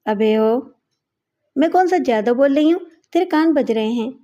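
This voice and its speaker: A woman voicing a brash, chatty gang woman who talks coarsely and teases loudly. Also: high-pitched, animated, muffled recording. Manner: loud, teasing, coarse talk.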